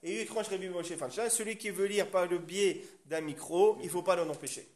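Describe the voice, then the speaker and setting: A man's voice: high-pitched, brisk, darkish tone. A man teaching a religious class, explaining step by step and often checking that the class follows. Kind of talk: Torah class lecture.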